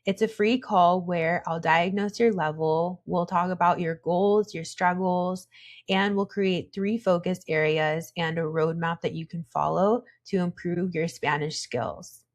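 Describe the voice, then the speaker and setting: A young woman leads a calm pronunciation tutorial in an unhurried, slightly low voice. She is patient and encouraging, and she models each sound slowly and carefully. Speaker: Spanish teacher.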